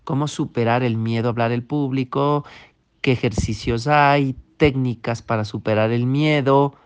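A man's voice: mid-range voice, fairly even intonation, normal speed, smooth. A man teaching public speaking, earnest and direct, often checking in with the listener. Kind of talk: instructional talk. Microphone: microphone.

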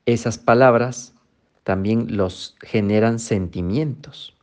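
A man's voice: fairly low pitch, slow pace, a little mellow. A man giving a motivational talk. He speaks emphatically, posing rhetorical questions and then answering them.

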